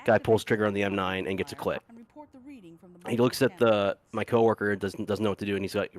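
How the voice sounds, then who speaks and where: A man with a fairly low voice tells long, meandering anecdotes in a relaxed chat. He curses freely and breaks into laughter at his own stories. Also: brisk. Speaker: gamer and co-host telling stories. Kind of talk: casual chat.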